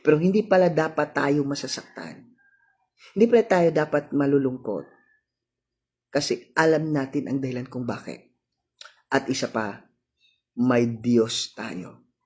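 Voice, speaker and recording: A man's voice: mid-range voice, unhurried, long pauses, a little mellow, husky. A man with a Cebuano accent preaching a sermon, mixing languages, repeating his lines and checking on listeners with "hello?".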